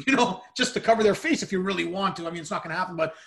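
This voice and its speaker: A man's voice: sits high, rapid-fire, vocal fry, fairly bright tone. A man hosting a podcast, chatting casually about sports. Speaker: podcast host.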